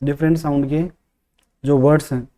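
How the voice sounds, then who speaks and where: Bright-voiced man explaining step by step. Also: on the high side, flat delivery, normal speed. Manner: explains step by step, repeats words for emphasis. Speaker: English teacher. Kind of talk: classroom lesson explaining a test paper.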